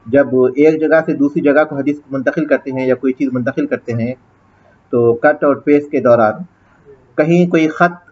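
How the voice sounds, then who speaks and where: A male teacher giving a classroom lecture, explaining grammar step by step, quizzing his students and reciting Arabic passages slowly. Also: mid-range voice, darkish tone, lo-fi sound. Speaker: teacher of an Islamic studies course.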